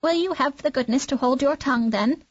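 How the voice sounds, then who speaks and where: A woman voicing a bossy, self-important hen who scolds in a raised, high voice. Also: fairly quick, no room sound, highs cut off, close to an everyday voice. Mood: scolding.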